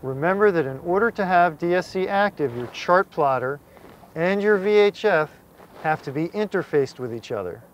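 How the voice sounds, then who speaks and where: A middle-aged American man, a magazine contributing editor, presents a scripted how-to to the camera while outdoors on a small open boat on the water. He speaks directly and in a folksy way, addressing viewers plainly, with a fairly high-pitched voice. The audio is dull, with slight background noise.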